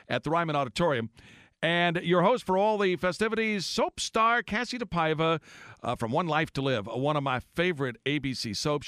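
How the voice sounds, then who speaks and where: Direction Bright, high-pitched male radio host, contest promo delivery. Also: no echo, studio quality. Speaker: morning show host. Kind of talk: upbeat radio show hosting with contest promo.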